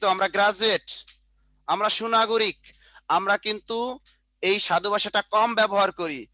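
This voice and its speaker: A man's voice: high-pitched, sharp tone, dry recording. A man teaching an online class over a video call, dictating notes, repeating points, with colloquial joking asides. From Bangladesh.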